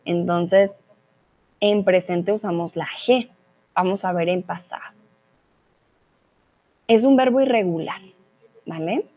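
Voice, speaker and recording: A woman leads an online language class at an unhurried pace, walking learners through grammar with patient, repeated examples. The stream audio sounds dull and a little lo-fi. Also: lowish voice, warm tone. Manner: slow, patient explaining with repeated example sentences. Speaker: Spanish teacher. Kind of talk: live online language lesson.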